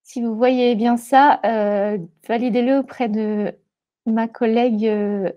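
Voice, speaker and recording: A woman's voice: on the high side, steady tone, slow pace, dark tone. A woman giving a live webinar demonstration over screen share, talking through an earpiece headset. She hesitates often, with many fillers and restarts. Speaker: presenter of a product webinar.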